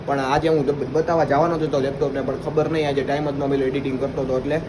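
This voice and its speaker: A man's voice: mid-range voice, flat delivery, fast, noisy background. A young man with a Gujarati accent, chatting casually to viewers in a vlog. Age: young adult. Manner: chatty, addresses viewers as guys. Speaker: vlogger.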